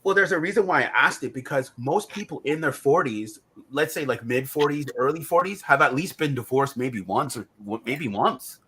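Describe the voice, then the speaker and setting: A man's voice: medium pitch, lively intonation, normal speed, sharp tone, a little hiss or hum. A man hosting a casual relationship podcast, reflective and talking through examples. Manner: reflective, talks in hypotheticals and examples. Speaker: podcast host. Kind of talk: casual conversation.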